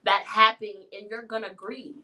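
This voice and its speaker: A woman's voice: medium pitch, flat delivery, normal speed, sharp tone, low-quality recording. A woman hosting a podcast in casual conversation, who talks emphatically and repeats words for effect. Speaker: podcast host.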